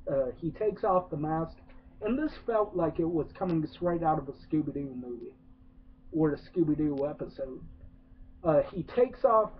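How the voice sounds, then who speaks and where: A man's voice: a little high, slight background noise. A man ranting through a sarcastic movie review, rambling with lots of "uh"s and swearing. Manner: rambling, profane, many filler "uh"s, sarcastic. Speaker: film reviewer. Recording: tinny phone-like lo-fi.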